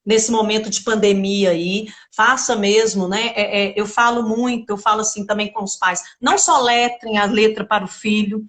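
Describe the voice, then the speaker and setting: A woman's voice: medium pitch, fairly even intonation, moderate pace, few pauses, fairly bright tone. A woman with a Brazilian Portuguese accent, a literacy teacher chatting casually on a live stream and explaining step by step. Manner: chatty, explains step by step, acts out children's voices.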